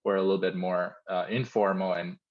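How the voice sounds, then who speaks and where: A man's voice: low-pitched, little pitch movement, brisk, dull audio. A man from Mozambique, a company founder, explaining his work thoughtfully over a video call, with many fillers. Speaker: company founder, interview guest.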